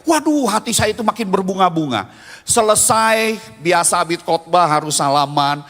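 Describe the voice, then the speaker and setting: A man in his fifties preaching a sermon as a pastor, telling stories with animated swings between loud and hushed. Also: sits high, normal speed, gravelly. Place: church. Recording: long reverb of a church hall.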